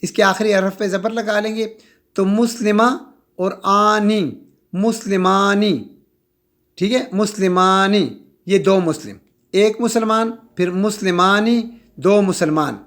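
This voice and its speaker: A man teaching an Arabic grammar lecture, slowly drawing out and repeating example words and often checking that students follow. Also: high voice. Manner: slow, drawn-out repetition of example words; checks in with "ٹھیک ہے؟".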